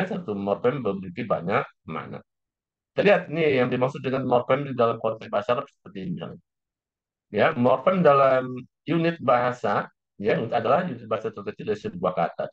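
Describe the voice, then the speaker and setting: A man teaching a class, explaining step by step and often repeating key phrases. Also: medium pitch. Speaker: lecturer. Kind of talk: classroom lecture. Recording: slightly dull lo-fi recording.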